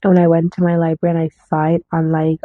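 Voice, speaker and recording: A woman who runs a book vlog rattles off a casual, meandering rundown of her book haul, correcting herself often and sounding a bit nasal from a cold. She speaks fast in a low, monotone voice. The sound is dry, echo-free, and tinny like a phone recording.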